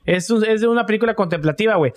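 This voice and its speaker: A young Mexican man with a Mexican Spanish accent co-hosts a podcast, cracking jokes in slangy casual chat and adding "güey" to nearly every phrase. His voice sits high and races along.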